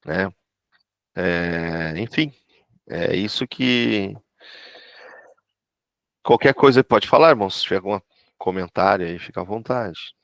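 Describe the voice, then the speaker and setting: A gravelly-voiced man teaches a church class. He speaks casually and directly, acts out voices and asks his listeners if they follow him. The recording is dry and close. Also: low-pitched, slow, long pauses, a bit bright, no room sound. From Brazil. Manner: conversational, acts out quoted voices, asks for agreement. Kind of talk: informal teaching talk.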